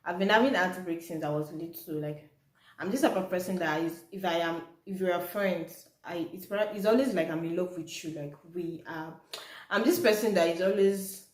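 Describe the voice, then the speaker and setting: This is a fairly low-pitched woman's voice at a moderate pace. She's a young Nigerian vlogger, Yoruba by native tongue, telling her viewers a story in a relaxed, chatty manner, recorded in an echoey space.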